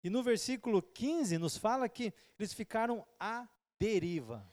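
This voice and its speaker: A man's voice: high-pitched, expressive, normal speed, darkish tone, long reverb tail. A man preaching, stopping after short phrases so an interpreter can follow. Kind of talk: sermon with live interpretation. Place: church hall with a projector.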